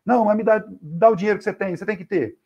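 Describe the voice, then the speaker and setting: A man's voice: high-pitched, very fast, mellow, breathy edge, pitched above the performer's own voice. A man doing a pushy street robber. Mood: demanding. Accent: Brazilian Portuguese. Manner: demanding, pushy. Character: rough poor young male street robber.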